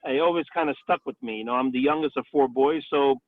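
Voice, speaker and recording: A man's voice: medium pitch, fast, no echo. Man on a tinny phone line, chatty. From Italy, raised in the Bronx, New York. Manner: chatty, many fillers like "um" and "you know". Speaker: restaurant owner and chef. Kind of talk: career interview over a call.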